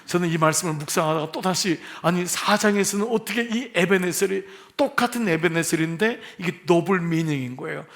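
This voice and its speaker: A man's voice: sits high, fairly quick, few pauses, a bit bright. A man, the senior pastor, preaching a sermon in church and asking his congregation questions with light humor. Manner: asks the congregation questions and jokes with them. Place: church sanctuary.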